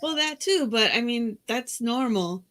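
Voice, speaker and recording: A woman's voice: fairly high pitch, lively intonation, measured pace, a bit bright. A woman co-hosting a casual podcast, amused and giggling at her partner's jokes. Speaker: co-host.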